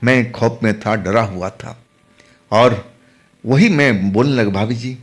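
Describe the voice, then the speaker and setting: A man narrating a first-person horror story, hushed and dramatic, now and then dropping to a whisper. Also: fairly low pitch, takes it slowly.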